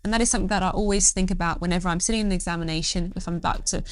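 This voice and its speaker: Quick-talking woman doctor giving advice. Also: lowish voice, fairly even intonation, faint music behind. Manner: encouraging, upbeat, direct. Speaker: doctor giving study tips. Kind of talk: educational talk to camera.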